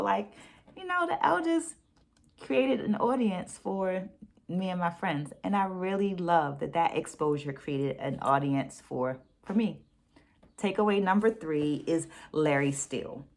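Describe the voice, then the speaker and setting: Low-pitched and deliberate, this book review host delivers emphatic phrases, pausing for conversational check-ins and reading passages aloud.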